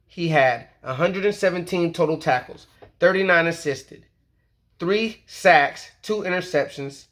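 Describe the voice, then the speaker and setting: A man with a somewhat high-pitched voice runs through his team talk like a fan vlog. He is loose and slangy, full of "okay?" and "you know what I'm saying," building hype as he goes. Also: a bit bright. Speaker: sports vlogger. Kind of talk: casual fan commentary.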